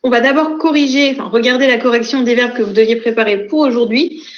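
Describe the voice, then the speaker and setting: A woman's voice: fairly high pitch, fast. Young woman lecturer explaining rules step by step, lots of um's, echoey muffled recording. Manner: methodical, step-by-step explaining with frequent fillers. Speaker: university lecturer. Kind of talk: online lecture.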